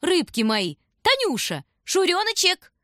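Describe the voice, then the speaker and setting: A woman voicing a cloyingly sweet aunt who sings and calls out in a high, sugary sing-song. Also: wildly swooping pitch, unhurried, pushed and bright, no room sound, studio quality, full character voice. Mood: sugary calling.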